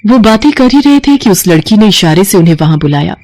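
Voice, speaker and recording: A woman's voice: medium pitch, quick pace. Woman narrating a cartoon horror tale. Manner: steady, dramatic storytelling. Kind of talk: scripted storytelling narration.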